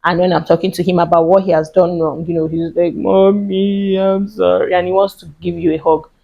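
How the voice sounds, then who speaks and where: A Nigerian woman in her thirties, a parenting vlogger, gives earnest, chatty advice to camera and repeats points for emphasis. Her voice is lowish with vocal fry, her delivery flat and fast. The sound is lo-fi.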